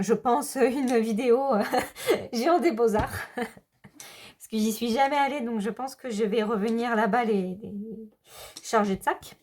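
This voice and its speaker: A woman, talking in a rambling, hesitant way in a casual chat vlog, with many pauses. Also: mid-range voice, darkish tone. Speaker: hobby vlogger.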